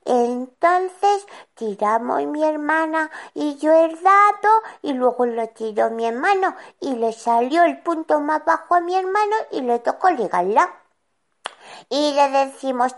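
A woman's voice: high voice, lively intonation, slow pace, exaggerated voice. A woman voicing a chatty, stubborn little boy who tells a children's-show story and acts out every voice in it. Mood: eager telling. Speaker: child character.

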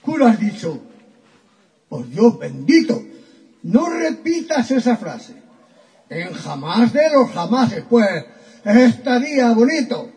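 A man's voice: very high voice, very animated, takes it slowly, long pauses, a little mellow, heavily acted. A man voicing a lovesick young noblewoman who declaims overwrought, mock-tragic verse in a comic poem. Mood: melodramatic.

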